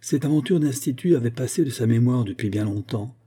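Guy reading an audiobook, really dark mellow voice, kinda husky. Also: medium pitch, lively intonation, brisk. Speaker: audiobook narrator. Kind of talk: audiobook narration.

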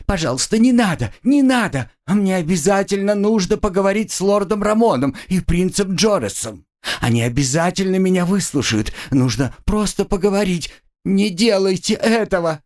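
A man voicing a terrified young female student who begs and sobs in high, panicked cries. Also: expressive, moderate pace, a little mellow. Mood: panicked pleading. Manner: hysterical, pleading, high-pitched cries. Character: terrified young woman student, sobbing and pleading.

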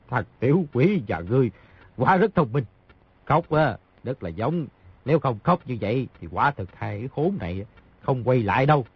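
A man voicing a wounded, blustering male outlaw in an audiobook, with a husky, coarse way of talking. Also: medium pitch, expressive, moderate pace. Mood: amused. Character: wounded burly male outlaw, gruff, boisterous. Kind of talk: audiobook character voice. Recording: dry, slightly dull lo-fi audio.

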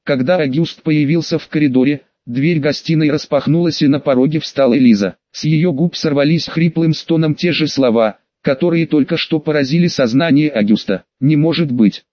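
A male audiobook narrator with a fairly high voice reads in a steady, measured way. The sound is very dry, with no room in it. The recording is slightly dull and lo-fi. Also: no echo. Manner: steady, measured literary reading.

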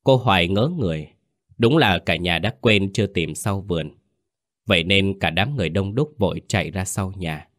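A man narrating a horror story in a calm, measured storytelling manner. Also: deep voice, dry recording, studio quality.

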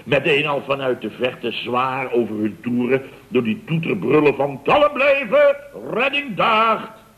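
Taking his time, the same lead of a 1970s Dutch radio comedy serial voices a pompous, indignant construction-firm boss with theatrical storytelling. He has a medium-pitched, fairly bright voice with lively intonation, heard in a vintage radio broadcast recording.

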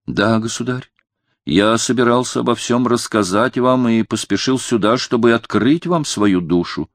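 A man's voice: medium pitch, moderate pace, no echo, studio quality, natural voice. Man playing a hot-tempered young courtier. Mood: humble. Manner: impassioned, defiant.

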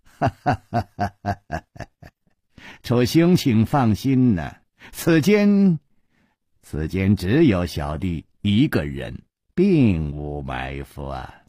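A man voicing a proud, cornered male gang chief who laughs mockingly and drawls low and slow. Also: very animated, warm tone, no echo, studio quality, exaggerated voice.

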